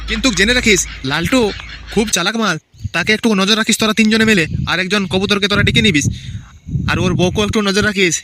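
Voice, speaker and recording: A man's voice: high voice, natural voice. A man voicing a bossy, scheming local political boss in a cartoon. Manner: quick, bossy, talks down to his henchmen. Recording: clear background noise.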